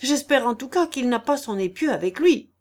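A woman voicing a timid, excitable male bailiff who cries out in drawn-out exclamations. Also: high-pitched, voice pushed up. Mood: agitated.

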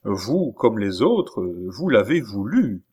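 A man's voice: fairly low pitch, slightly rough, heavily acted. Man reading as a grim cold prophet. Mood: ominous. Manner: flat, cold, measured. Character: grim male fortune-teller, calm and ominous. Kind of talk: audiobook character voice.

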